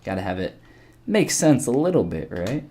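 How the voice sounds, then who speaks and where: A man giving a casual live-stream tutorial while he sculpts, relaxed and rambling as he thinks aloud and answers chat. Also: lowish voice, normal speed.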